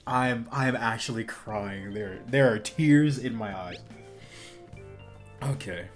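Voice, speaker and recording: A man's voice: medium pitch, takes it slowly, soft background music. A young man streaming a video game, chatting casually and rambling, laughing often and saying dude and like a lot. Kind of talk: casual gaming stream chat.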